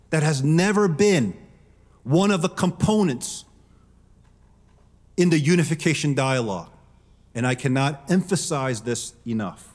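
A middle-aged man with a fairly high-pitched voice gives a formal, prepared keynote speech into a podium microphone in a large conference hall. He is measured and emphatic and gestures as he talks, and the recording carries the long reverb of the big hall.

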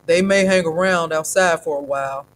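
A woman voicing an old homeless man who speaks in a slow, folksy, wry way. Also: deep voice, a little hiss or hum, natural voice, poor audio.

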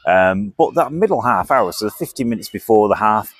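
A man's voice: on the low side, lively intonation, fairly quick. A man presenting a man of the match award for club radio, casual and saying "like" often. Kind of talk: post-match interview.

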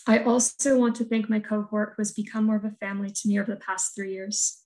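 Presenting her thesis work from indoors at home, a Polish-speaking woman reads a prepared artist talk through earbuds on a video call. She sounds soft, reflective and measured, with a steady mid-range voice captured in a rough recording.

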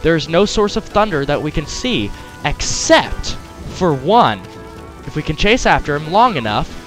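A man gives casual let's-play commentary in a somewhat high voice. He is jokey and playful as he guides viewers, with game music faintly behind him. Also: big pitch swings, measured pace, a bit bright. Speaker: gaming video host.

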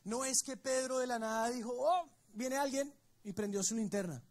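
A pastor with a very high voice preaches briskly at a church service. He tells the story with emphasis and speaks straight to his congregation.

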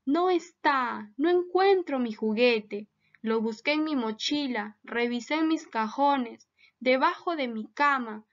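A woman voicing a sad little girl who has lost her toy, speaking slowly and plaintively. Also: sits high, highs cut off.

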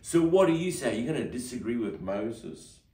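A man's voice: medium pitch, very animated, moderate pace, warm tone, lightly acted. A man voicing a snarling, taunting mob of angry men in a short Bible story. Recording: roomy, mic at a distance.

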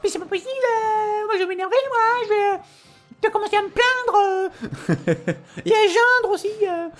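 A man voicing a furious, whiny little male demon in a squeaky falsetto, sputtering complaints. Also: very animated, normal speed, fairly bright tone, soft background music, heavily acted. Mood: whiny outrage.

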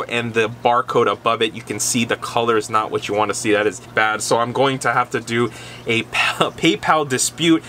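A young man chats animatedly to camera in a casual unboxing vlog, his voice bright and forceful. He sounds like he's at a desk in a dim room at home, picked up by the camera mic. A faint hiss of noise sits underneath. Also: medium pitch. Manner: animated, talks straight to camera with gestures. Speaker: resale vlogger.

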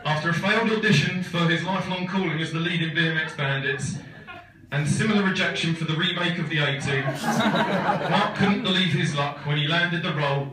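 Heavy background noise surrounds this man's slightly fast, high-leaning voice. In his thirties, he delivers a dry, teasing best man toast in a large wooden barn wedding hall, recorded from afar by a phone camera at the back, with echo and a laughing audience.

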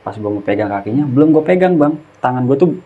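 This guest storyteller speaks in Jakarta-style slang, animated and quick, voicing the dialogue himself. His mid-range voice has a dark, slightly rough tone, heard through a muffled lo-fi recording with faint hiss.

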